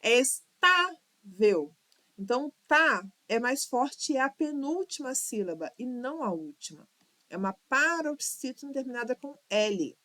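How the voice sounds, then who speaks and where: A woman's voice: sits high, animated, moderate pace, a bit bright, no room sound. A Brazilian woman teaching Portuguese for exams, patiently going through questions and sounding out words syllable by syllable. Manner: patient, counts syllables aloud, drawls words to sound them out. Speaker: Portuguese teacher for exam prep. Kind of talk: online lesson walking through exam questions.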